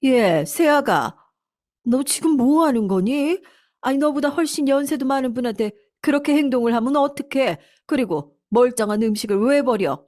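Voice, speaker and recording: A woman's voice: sits high, animated, moderate pace, pitched above the performer's own voice. Woman doing a stern, scolding mother-in-law. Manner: scolding, sharp.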